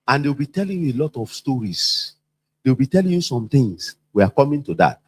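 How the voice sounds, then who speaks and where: Animated man teaching a class. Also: medium pitch, brisk, breathy edge. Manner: animated, repetitive, acts out quoted voices. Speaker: trainer. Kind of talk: workplace training talk.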